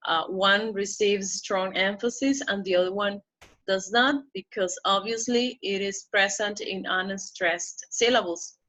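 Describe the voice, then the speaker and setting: A woman teaching English pronunciation in a recorded lesson, explaining step by step and checking in with "okay?", slowing down to model the target words. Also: mid-range voice, steady tone, fairly bright tone, rough recording.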